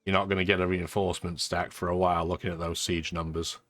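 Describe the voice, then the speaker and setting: A gaming host with a low-pitched, fairly bright voice talks fast with little pitch movement as he plays a strategy game, keeping things dry, casual and chatty. He sounds stuffed up from blocked sinuses and a lingering sore throat, with background music and a little hiss or hum.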